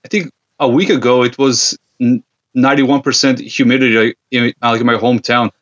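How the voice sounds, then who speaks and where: Fairly quick and steady, his slightly bright mid-range voice comes through a dull, low-fidelity recording. The Serbian gear company founder talks casually as a podcast guest, hesitating often and using many fillers.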